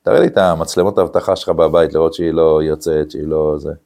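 A brash man hurls accusations and demands proof in a challenging tone, as a lecturing rabbi acts him out. The voice is low and gravelly. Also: fairly even intonation, warm tone. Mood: demanding.

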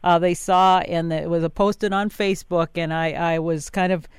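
A woman hosting a radio show, relaxed and lightly amused as she chats with her guest. Her voice is smooth and clear, and the sound is dry and close to the mic. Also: on the low side, moderate pace, no echo. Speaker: radio host. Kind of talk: casual radio chat.

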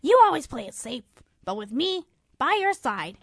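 A woman voicing a small, eager house fly that pleads and pushes in a squeaky, excited way, recorded close on a dry studio mic. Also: moderate pace, husky, dry recording, exaggerated voice. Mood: pushy. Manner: squeaky, pleading, rising to shouts.

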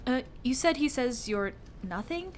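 A weary, conflicted female tech-support agent who talks haltingly and fills gaps with ums. Her voice sits a little high. Faint keyboard typing sounds behind her. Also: lively intonation, slight background noise. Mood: hesitant. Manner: halting, hesitant, many fillers.

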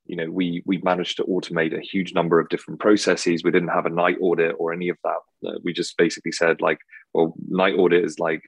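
His delivery is completely flat, quick, and low-pitched, with a creaky, husky quality in a dry recording. The speaker is a Czech hospitality tech founder with an English accent, answering interview questions. He rambles and keeps saying fillers such as "basically" and "you know".

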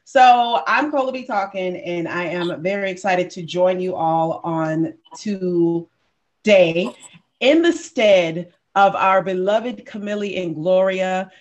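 A man from the US East Coast hosts a casual podcast with playful, animated energy. He jokes easily and breaks into laughter often. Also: sits high. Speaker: podcast host.

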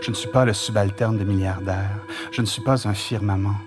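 A man with a Franco-Ontarian French accent performing spoken-word poetry, intense and rhythmic, dropping to whispers and rising to loud declaiming. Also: lowish voice, fairly even intonation, fairly quick. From Ontario, Canada. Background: music.

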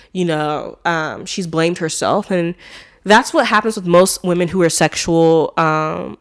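A woman talking straight to her audience in a casual commentary vlog. Her delivery is blunt and earnest, sprinkled with swearing and a steady stream of "like" and "um" fillers. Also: on the low side. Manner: candid and blunt, frequent swearing, many "like" and "um" fillers; earnest, speaking directly to listeners. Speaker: vlogger.

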